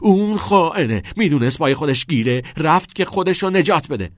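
A man voicing a hotheaded, rebellious teenage schoolboy who shouts aggressively. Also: on the low side, very animated, breathy edge, dry recording, clean studio sound, exaggerated voice. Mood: furious.

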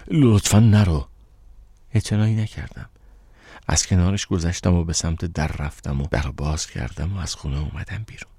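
A man narrating an audiobook in the first person with steady, measured storytelling. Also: sits low, breathy edge, no room sound.

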